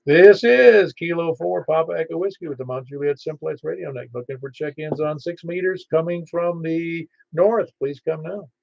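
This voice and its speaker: A man with a slightly high, gravelly voice runs an amateur radio roll call. He is procedural and halting, spelling call signs phonetically, on dull band-limited radio audio. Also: darkish tone, dry recording. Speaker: amateur radio net controller.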